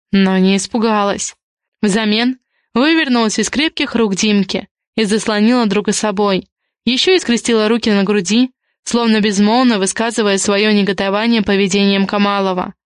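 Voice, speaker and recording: A woman reading a novel aloud as an audiobook narrator, in steady storytelling. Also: mid-range voice, clean tone, dry recording, studio quality.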